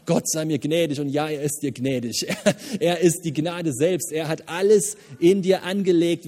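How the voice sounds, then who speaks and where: A man preaching a sermon as a pastor, emphatic and lively, with casual asides. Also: medium pitch, big-room sound. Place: church hall.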